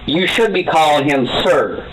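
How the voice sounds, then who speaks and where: A man's voice: on the high side, lively intonation, measured pace, noisy background. Stern lecturing police detective, man. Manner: stern, lecturing, flares into shouting. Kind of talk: police interrogation. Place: police interrogation room.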